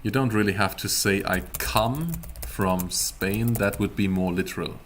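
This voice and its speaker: A German teacher gives a casual live-streamed language lesson, working through it word by word in a halting, deliberate way. His voice is fairly low in pitch, with slight background noise.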